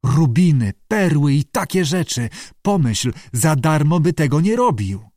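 A man's voice: fairly high pitch, big pitch swings, a little mellow, no room sound, clean studio sound, full character voice. A man voicing a small, gossipy male Irish sailor in an audiobook, talking in a wheedling, conspiratorial way. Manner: wheedling, conspiratorial, quick to back down. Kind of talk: audiobook character voice.

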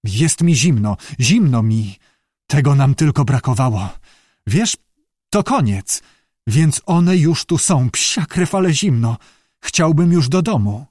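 A man's voice: a little high, sing-song, unhurried, darkish tone, dry recording, studio quality, voice pushed up. A male audiobook reader voicing a stubborn old father who scolds his son and later grows shaken and afraid. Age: older. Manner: scolding, dismissive, later shaky and fearful. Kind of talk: audiobook character voice.

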